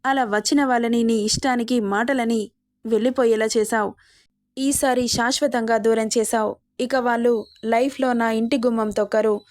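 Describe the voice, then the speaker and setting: Brief: woman reading a reproachful mother scolding her son, fairly high voice. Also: steady tone, moderate pace, no echo, clean studio sound, natural voice. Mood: bitter reproach. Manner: reproachful, sharp.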